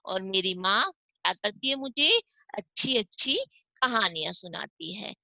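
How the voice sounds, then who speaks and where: Woman teacher for young kids, very slow and deliberate, breaks words into syllables and quizzes the class. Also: mid-range voice, animated, vocal fry, bright, forceful tone, no room sound. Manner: slow, syllable-by-syllable reading with frequent questions to pupils. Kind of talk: online class for young children.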